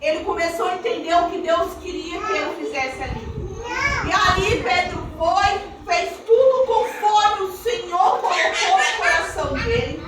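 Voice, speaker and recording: Very high-voiced woman preacher. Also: measured pace. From Minas Gerais, Brazil. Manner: animated storytelling, laughing often. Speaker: missionary. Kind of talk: testimony sermon to a congregation. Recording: very echoey hall, distant mic, noisy.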